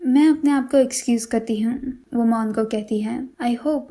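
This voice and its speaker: A woman retelling a drama episode, reading every character's lines in one steady voice. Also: fairly high pitch, normal speed. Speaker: series recap narrator. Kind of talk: retelling a drama with quoted dialogue.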